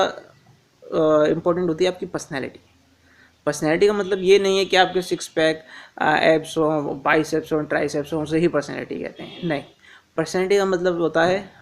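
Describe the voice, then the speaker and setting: Male presenter, high-pitched, chatty advice monologue to viewers, hesitant fillers, repeats key points. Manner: addresses listeners as friends, frequent "uh" fillers; instructive, repeats key reminders. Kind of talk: informal advice talk to viewers.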